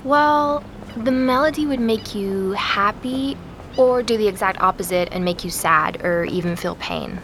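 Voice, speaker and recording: In an audio drama, an actress plays a curious young podcaster digging into a mystery, eagerly firing off questions. Her mid-range voice is fairly bright and close to everyday speech, with slight background noise.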